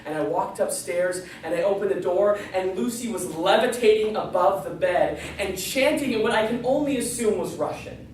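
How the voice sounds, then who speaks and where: A man's voice: high-pitched, animated, moderate pace, few pauses. A man telling a comic, folksy tall tale live, with dramatic storytelling and acted-out dialogue. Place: large echoey room, live before an audience. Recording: distant, very echoey live room, background noise.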